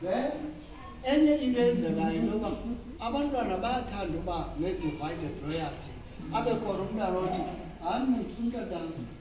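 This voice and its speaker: A woman with a Xhosa South African accent teaches informally in a very reverberant room, heard at some distance from the microphone. Her pitch is mid-range, and she explains point by point with short check-in questions. Clear background noise sits behind her voice. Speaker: speaker leading a talk. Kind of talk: informal teaching talk, code-switching with English. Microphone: distant from the speaker. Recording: very echoey room, distant mic, noisy.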